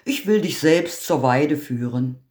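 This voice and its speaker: A man's voice: a little high, animated, unhurried, darkish tone. Man reading a hot-tempered old tailor. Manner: scolding exclamations. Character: old tailor, quick to anger, stern father. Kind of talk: fairy tale reading. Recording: roomy echo.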